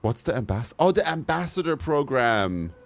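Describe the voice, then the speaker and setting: A livestreamer reacts bluntly to game news with opinionated takes, his medium-pitched voice very animated, with vocal fry, at a moderate pace. His casual commentary is sprinkled with offhand swearing.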